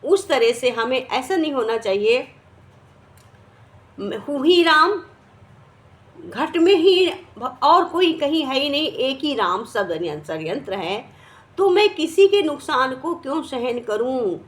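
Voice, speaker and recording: A woman's voice: high-pitched, lively intonation, measured pace. A woman giving a devotional sermon in Hindi, teaching through a parable whose characters she voices in turn. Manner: retells a parable, voicing each character. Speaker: devotional speaker.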